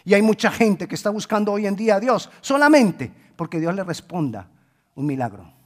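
A man preaching a sermon, moving between hushed pleading and loud emphatic calls, and acting out the voices in the stories he tells. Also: sits high, very animated, moderate pace. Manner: acts out quoted voices in storytelling. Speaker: pastor.

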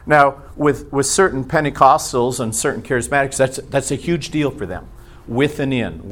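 Speaking in a mid-range voice, this American-accented man teaches a Bible class, giving an informal talk to his church group. He poses rhetorical questions in a conversational way and plays out reactions he imagines.

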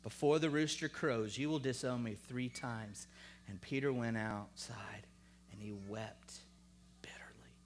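A man preaching a sermon, emphatic and rhetorical, calling on the congregation, then lowering to a hushed voice when reading scripture. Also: unhurried, slight background noise. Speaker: pastor.

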